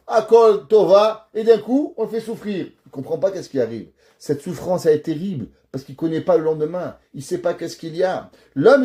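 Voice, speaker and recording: A man, a rabbi, giving a Torah lesson and telling stories, acting out the dialogue. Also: high voice. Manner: animated storyteller who acts out dialogue.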